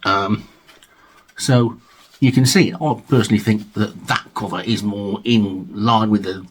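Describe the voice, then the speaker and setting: A man's voice: on the low side, fairly even intonation, a little slow, slightly rough. A man from England hosting a video about his record collection, chatting casually with jokey asides and reading liner notes aloud. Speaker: vinyl collection video host.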